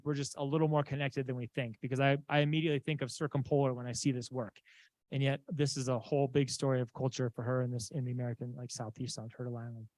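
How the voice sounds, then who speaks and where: A man from Southeast Alaska giving a conference slide talk, halting with many fillers and restarts. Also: medium pitch, no echo. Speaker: conference presenter. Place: conference room.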